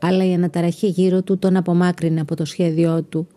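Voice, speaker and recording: Low-voiced woman reading a story. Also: little pitch movement. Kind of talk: scripted narration. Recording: narration over soft background music.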